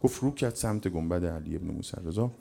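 A man quietly retelling a devotional story in a quick, conversational way. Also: sits low, lively intonation, vocal fry. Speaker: religious storyteller.

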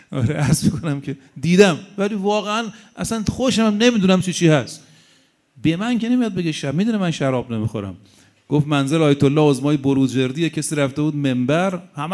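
A middle-aged man delivering a sermon in a fairly high-pitched voice. He talks in an animated, storytelling way, mixing humor and asides with earnest exhortation. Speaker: preacher.

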